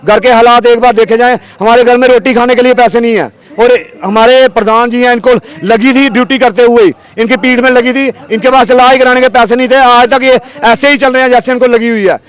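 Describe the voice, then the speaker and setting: A man from Jammu and Kashmir with a very high voice speaks at a street protest. He is an aggrieved contract worker, pleading and insistent. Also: steady tone, a little fast, hardly any pauses, smooth.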